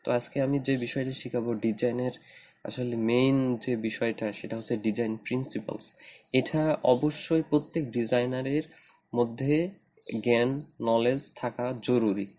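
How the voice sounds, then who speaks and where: A man with a Bangladeshi Bengali accent teaching design principles in a tutorial, talking in a halting way with many fillers and restarts. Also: medium pitch, steady tone, darkish tone. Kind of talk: screen-recorded tutorial.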